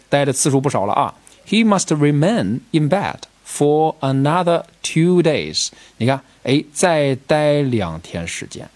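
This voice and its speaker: A man's voice: medium pitch, husky. A man teaching English vocabulary in a recorded video lesson, explaining patiently and checking in with his students through rhetorical questions.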